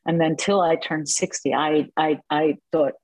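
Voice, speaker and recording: A husky woman in her early sixties chats as an interview guest. She tells her stories in an animated way, laughs often and fills her talk with "you know" and "um". She sounds close and dry, with no room around her. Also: low-pitched, measured pace, dry recording, poor audio. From born in Cuba, raised in New Jersey. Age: 60s. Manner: animated storyteller, laughs often, many fillers. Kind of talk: casual interview chat.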